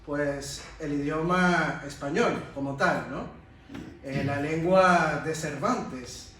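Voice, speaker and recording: A man's voice: fairly high pitch, slow pace, a bit bright. A man from Venezuela with a Caribbean Venezuelan accent giving a talk at a round table, punctuating his points with rhetorical questions and check-tags. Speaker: panel speaker and history communicator. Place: echoey room in a monastery, before an audience. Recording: very echoey, distant mic, faint noise.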